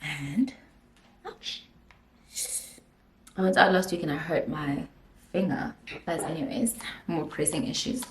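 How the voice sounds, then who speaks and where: A woman's voice: low voice, fairly even intonation, unhurried, long pauses. A young woman with a South African accent, chatting casually through a storytime vlog, giggly and dropping in Zulu phrases while getting ready at home. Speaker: vlogger, makeup artist. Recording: echoey room.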